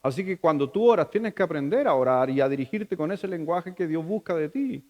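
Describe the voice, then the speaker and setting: A middle-aged Chilean man delivers a sermon from the pulpit, his voice pitched noticeably high for a man. He talks to the congregation as if chatting, tossing them rhetorical questions. Now and then he stumbles and restarts a phrase. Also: animated, brisk, highs cut off. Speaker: pastor.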